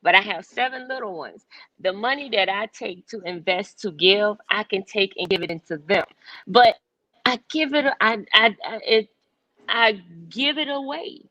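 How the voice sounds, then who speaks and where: A woman's voice: medium pitch, moderate pace, bright, forceful tone, no echo, rough recording. A woman with a Southern US accent who owns a restaurant, speaking as an interview guest. She tells personal stories in an earnest, heartfelt way and repeats herself when she is moved. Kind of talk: emotional personal storytelling.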